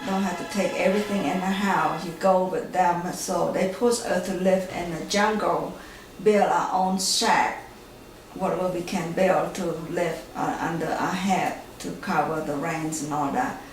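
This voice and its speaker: A woman in her sixties with a Cambodian accent, telling her life story in an interview in halting, plain speech with many pauses. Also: on the low side, steady tone. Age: 60s. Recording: echoey room, from far off, music behind.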